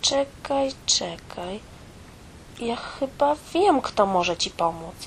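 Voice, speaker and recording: A woman voicing a kind, eager little female mouse in a storybook tale, lively and exclaiming. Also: fairly low pitch, unhurried, a little hiss or hum. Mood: excited.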